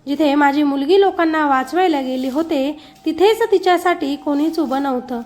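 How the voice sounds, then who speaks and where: Female narrator, high voice, emotional grieving-mother storytelling over faint music. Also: normal speed, darkish tone. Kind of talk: scripted first-person story narration.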